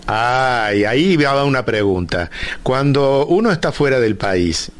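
Radio host, man, talkative and playful, thinks out loud. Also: medium pitch, expressive, unhurried. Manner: chatty, teasing, thinks aloud. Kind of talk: radio interview.

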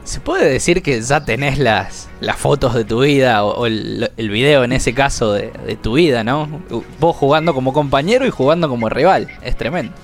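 A man's voice: medium pitch, moderate pace, few pauses, faint music behind. A man with an Argentine Spanish accent interviewing a former footballer, asking conversational questions. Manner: conversational, prompting.

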